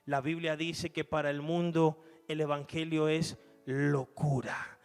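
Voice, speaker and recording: A man preaching a fiery evening sermon, swinging between loud exhortation and hushed, low closing lines. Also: little pitch movement, measured pace, clean tone.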